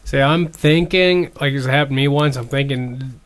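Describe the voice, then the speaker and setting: A man with a mid-range voice settles into a long, easygoing anecdote on a casual podcast. His storytelling is drawn out and relaxed. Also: medium pitch, moderate pace. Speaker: podcast co-host.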